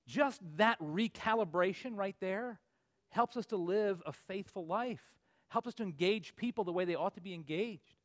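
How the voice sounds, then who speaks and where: Forties male preacher, high-pitched, earnest, builds to emphatic peaks. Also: normal speed. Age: 40s. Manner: earnest, rising to emphatic peaks then dropping low. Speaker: pastor. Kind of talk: sermon.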